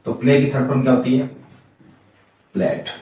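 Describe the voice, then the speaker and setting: A man's voice: medium pitch, little pitch movement, brisk, narrow, tinny audio. Hindi-accent guy teaching english grammar, keeps quizzing his students, super echoey room, mic pretty far away. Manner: explains step by step, repeats and quizzes students, calls them beta. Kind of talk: classroom grammar lesson.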